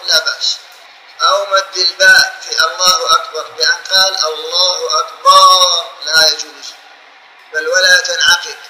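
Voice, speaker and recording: A man's voice: a little high, sharp tone, roomy sound, low-quality recording. A man giving a religious law lesson, explaining patiently and drawing out example phrases to illustrate them. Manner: explains slowly, repeats and drawls examples to show them. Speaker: teacher of Islamic law.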